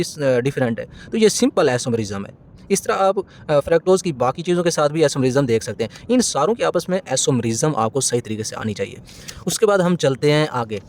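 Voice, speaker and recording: A man's voice: mid-range voice, a little mellow, a little hiss or hum. Self-correcting male chemistry lecturer. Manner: poses questions and answers them himself, often corrects himself mid-sentence. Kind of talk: classroom lecture explaining a diagram.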